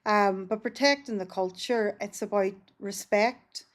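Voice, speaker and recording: A woman's voice: medium pitch, a little slow. Earnest businesswoman. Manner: frank and earnest, with frequent 'um' and restarts. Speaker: business founder, podcast guest. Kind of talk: casual interview chat.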